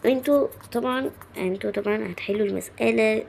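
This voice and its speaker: Woman as a bossy schoolteacher, loud, commanding, brisk, dark-toned. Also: on the high side, gravelly, slight background noise.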